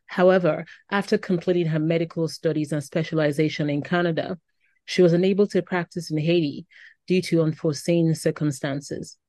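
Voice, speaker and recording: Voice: mid-range voice, steady tone, brisk, warm tone, no echo. A podcast host gives an upbeat, welcoming scripted introduction and asks interview questions.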